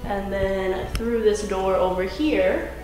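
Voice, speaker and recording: A woman in her thirties walks through a small rental house, describing each room slowly in an upbeat tour-guide way. She is recorded from across the room, and her voice rings in the bare rooms. Music plays underneath. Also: medium pitch. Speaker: travel vlog co-host. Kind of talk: home tour narration. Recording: echoey rooms with background music.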